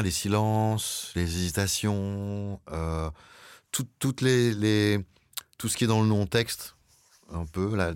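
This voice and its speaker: A man's voice: sits low, smooth, no room sound. A man, a radio producer, reflecting in conversation and searching for his words as he thinks aloud.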